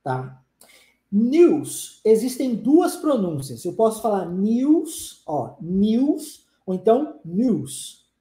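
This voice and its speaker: An upbeat woman with a Brazilian Portuguese accent leads a casual English lesson over a live stream, answering comments and repeating phrases for her students. Her voice is mellow and dark in tone, and her middle-pitched speech rings with the echo of a bare room. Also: sing-song, takes it slowly. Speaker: English teacher.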